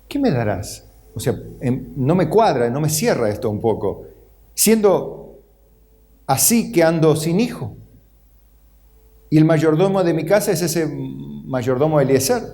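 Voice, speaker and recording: A middle-aged Argentine man preaching a sermon as pastor, acting out the voices of Bible figures. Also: warm tone. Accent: Argentine Spanish. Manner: acts out Bible figures' voices with rising pitch.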